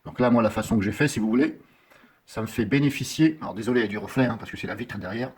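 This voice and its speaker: Husky rambling man explaining software. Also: fairly low pitch, racing. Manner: rambling, corrects himself often, many fillers. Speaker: software tutorial maker. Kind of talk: casual screen-recorded software tutorial.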